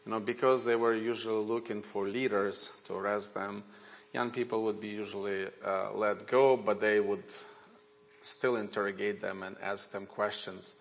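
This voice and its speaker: A native Ukrainian speaker in his forties, with a Ukrainian accent, is a guest preacher delivering a sermon woven with his personal testimony. He is earnest and measured, and his fairly low, creaky voice has a flat delivery.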